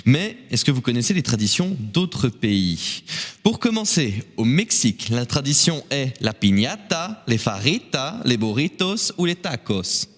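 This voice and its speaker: A man's voice: medium pitch, sing-song, unhurried, big-room sound. A man hosting a playful quiz on a local live show, joking and laughing often between questions.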